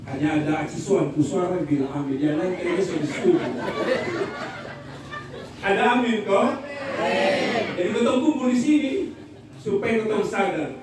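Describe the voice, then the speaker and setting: A male pastor, telling jokes in a lively sermon and asking the congregation for amens. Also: high voice, moderate pace, pauses often, over a noisy crowd. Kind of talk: humorous Christmas sermon. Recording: echoey hall from far off, noisy.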